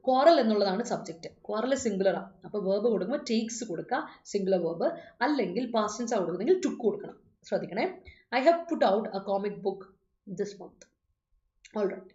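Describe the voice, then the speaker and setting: A woman's voice: a little high, warm tone, roomy sound, muffled recording. A woman with a Malayali accent teaching English in a live online class. She mixes English with Malayalam and corrects students by name.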